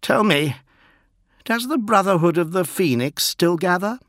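A man puts on a decadent demigod lord who declaims every line like a heroic stage actor, raised high above his own voice and stretched out slowly. The swooping delivery sits close and dry, with no room around it. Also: expressive, a bit bright, no echo. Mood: commanding. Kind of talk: audiobook character voice.

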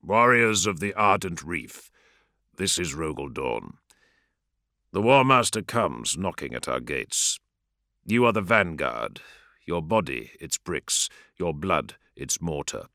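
A man's voice: low-pitched, pushed and bright, dry recording, clean studio sound, voice pushed down, full character voice. A man voicing a grim male warrior king, delivering a solemn, commanding rallying speech.

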